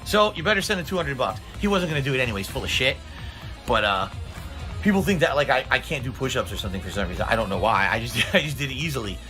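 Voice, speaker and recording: A man's voice: mid-range voice, animated, quick pace, sharp tone, soft background music. A man talking bluntly and combatively as a streamer, in casual livestream talk. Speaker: video game streamer.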